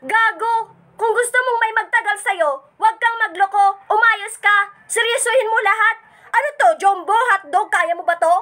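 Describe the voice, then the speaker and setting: A woman's voice: very high-pitched, moderate pace, sharp tone. A woman acting a blunt, tomboyish teenage girl who scolds her friend in a comedy skit. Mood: scolding. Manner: blunt, scolding, swears casually.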